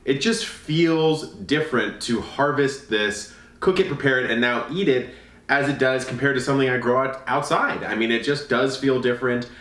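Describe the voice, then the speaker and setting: A man's voice: medium pitch, moderate pace, fairly bright tone, distant mic. Chatty man in an echoey room. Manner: easygoing and chatty, tasting food. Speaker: gardening channel host. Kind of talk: casual on-camera chat.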